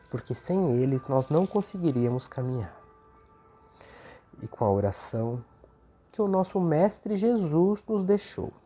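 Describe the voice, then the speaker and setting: A Brazilian speaker leading an unhurried religious talk in short, gently explanatory phrases, with a voice slightly off from recovering from flu. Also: medium pitch, husky. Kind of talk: prayer and informal religious talk with scripture reading. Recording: dull, lo-fi sound.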